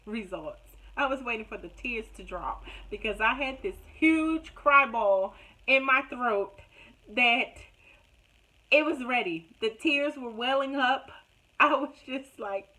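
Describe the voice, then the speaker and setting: A young woman vlogging about her own experience, her voice bright and clear. She retells events dramatically, with lively swings of feeling and quick laughs, speaking straight to her viewers. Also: fairly high pitch, rough recording. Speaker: nurse vlogger. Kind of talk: casual storytelling vlog.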